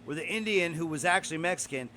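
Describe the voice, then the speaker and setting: A man's voice: on the high side, lively intonation, fast, bright, forceful tone. A man hosting a casual podcast, talking in a blunt, profane, opinionated way. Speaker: podcast host.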